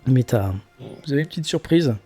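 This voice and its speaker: A male game master improvising narration for a tabletop story. His voice is warm and dark, at an average pitch, with faint music behind. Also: lively intonation, normal speed, slightly rough.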